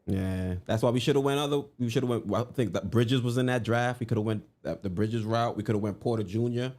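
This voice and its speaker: A man co-hosting a live sports stream, chatting casually and reading out viewer comments in a relaxed, conversational way. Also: mid-range voice, fast. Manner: laid-back, conversational, lots of fillers. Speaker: co-host of a live sports show.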